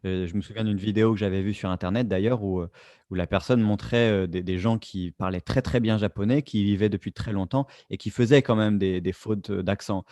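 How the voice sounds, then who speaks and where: A man's voice: on the low side, steady tone, brisk, mellow, no room sound. A man co-hosting a casual podcast, thinking aloud and often restarting his phrases. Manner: reflective, restarts phrases, many fillers. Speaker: podcast co-host.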